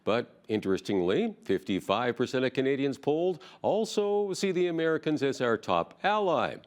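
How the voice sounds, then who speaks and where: A man's voice: medium pitch, very animated, moderate pace. A man reading the news as a newscast anchor.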